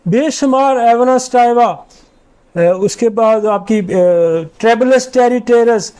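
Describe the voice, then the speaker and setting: High-voiced man lecturing on remedies. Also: dark tone, smooth. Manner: confident, rattles off long lists of remedies. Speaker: homeopathic doctor lecturing. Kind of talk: informal medical lecture.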